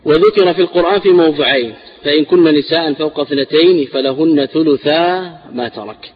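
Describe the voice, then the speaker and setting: A man teaching a classical text on inheritance shares, explaining slowly and repeating words for emphasis. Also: a little high, slight background noise. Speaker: teacher of Islamic inheritance law. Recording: dull lo-fi recording.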